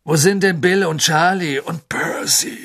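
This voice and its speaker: Ein Mann, der in einem Hörbuch einen witzelnden Teenager spricht. Er redet trocken und nüchtern. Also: male voice, on the high side, measured pace, fairly bright tone, voice pushed up. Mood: wry. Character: sleepy teenage boy, joking twin.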